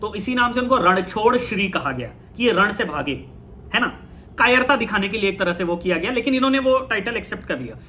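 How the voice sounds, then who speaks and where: A man giving a casual talk on spirituality, thoughtful, pausing and correcting himself often. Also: sits high, expressive, pushed and bright, slight background noise. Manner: thoughtful, with frequent fillers and self-corrections. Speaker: talk host.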